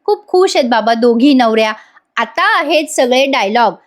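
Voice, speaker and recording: A woman's voice: on the high side, animated, normal speed. A woman giving a chatty voice-over review of a TV serial episode, gushing and addressing viewers directly.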